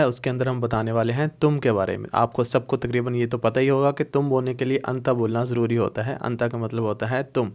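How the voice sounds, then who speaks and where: A man giving a video lesson, explaining patiently and saying each phrase twice or three times so learners can follow. His voice sits at an ordinary middle pitch. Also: darkish tone. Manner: patient, repeats words slowly for learners. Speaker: Arabic teacher.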